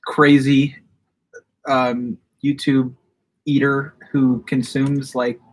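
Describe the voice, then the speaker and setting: A man's voice: medium pitch, level tone, drawn-out words, rough recording. A man co-hosting a casual livestream, joking with his partner and hesitating over his words. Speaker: livestream co-host.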